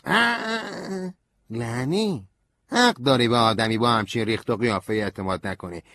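A man playing a cheerful, crude, energetic young man in an audiobook, brash and slangy in his delivery. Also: medium pitch, vocal fry, no room sound, clean studio sound. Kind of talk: audiobook character reading.

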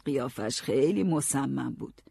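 A man narrating a story in the first person, calm storytelling. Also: medium pitch, creaky, slightly rough, dry recording, studio quality. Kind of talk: audiobook narration.

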